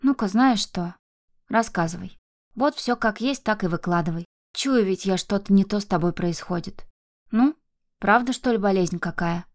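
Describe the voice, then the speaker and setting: A woman's voice: mid-range voice, normal speed, natural voice. A woman voicing an anxious old grandmother who scolds and laments over her granddaughter. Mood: pleading, indignant. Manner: agitated, lamenting, exclamatory.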